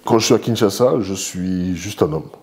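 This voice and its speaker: A man in his forties from Congo, the host's father, answers questions in a relaxed interview. He speaks at a moderate pace in a low, darkish voice, thinking things through with many hesitations and repeated words.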